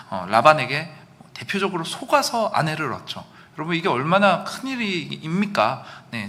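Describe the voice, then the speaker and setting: Animated bright-voiced male pastor preaching. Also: mid-range voice. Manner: animated, acts out quoted lines with sudden loud outbursts. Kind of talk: sermon. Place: church sanctuary.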